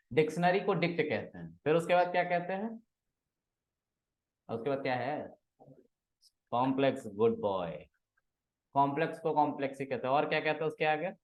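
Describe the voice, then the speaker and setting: A man teaching a programming class, casually quizzing and teasing his students in a classroom. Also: on the high side. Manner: teasing, asks students questions and scolds them.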